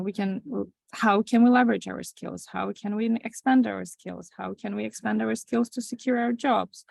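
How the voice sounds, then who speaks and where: Latvian-born woman presenter, gravelly and dry, chatty and halting. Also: mid-range voice, a little mellow, dry recording. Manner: conversational, with frequent restarts and fillers. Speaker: webinar facilitator. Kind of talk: online presentation. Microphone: video call.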